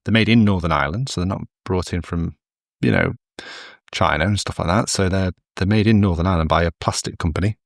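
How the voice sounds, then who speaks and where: A middle-aged man with a very deep, low voice, chatting his way through a solo podcast. He wanders off on tangents and pokes fun at himself. The sound is dry and close, with no room in it. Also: fast, gravelly, no room sound. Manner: rambling, chatty, self-deprecating asides. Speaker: podcast host. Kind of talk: casual solo podcast monologue.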